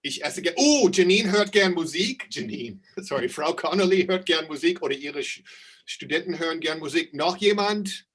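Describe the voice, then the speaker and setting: A man teaching a live online German class, slowly repeating questions and reading out his students' answers. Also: a little high, lively intonation, a bit bright, husky, rough recording.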